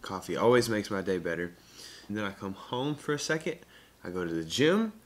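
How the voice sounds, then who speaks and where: A young adult man with a lowish, sing-song voice talks briskly to a camera held at arm's length or set on a table. He's vlogging in a casual, upbeat way, using slang and short punchy phrases.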